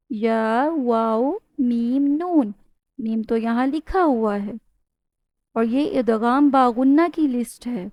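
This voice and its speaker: A woman's voice: high voice, a little mellow, no room sound. A woman teaching a Tajweed lesson, explaining patiently step by step, asking her students questions and stretching out example words with a nasal hum. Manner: draws out demonstration words with nasal humming. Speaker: Quran recitation teacher.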